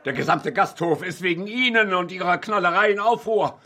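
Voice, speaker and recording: An actor in a German radio drama playing a grumpy, indignant old professor, fussy, formal and exasperated. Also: male voice, high voice, fairly quick, sharp tone. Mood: scolding, indignant. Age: older.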